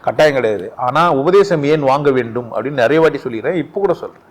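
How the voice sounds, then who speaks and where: A man giving an informal spiritual talk at a satsang, animated and full of rhetorical questions, often laughing as he speaks. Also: medium pitch, quick pace. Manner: laughs often while talking.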